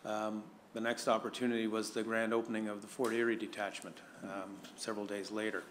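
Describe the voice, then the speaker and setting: A man who is vice chair of a police board, giving a tribute at a meeting, halting and searching for words with many fillers. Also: on the low side, little pitch movement, a bit bright, slight background noise.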